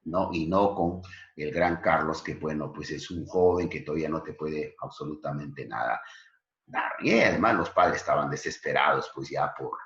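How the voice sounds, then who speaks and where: Male literature teacher with a deep voice who explains and talks to his students. Muffled, lo-fi recording. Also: moderate pace, fairly bright tone. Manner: explanatory, addresses students directly. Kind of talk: online literature lesson. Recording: echoey, dull lo-fi recording.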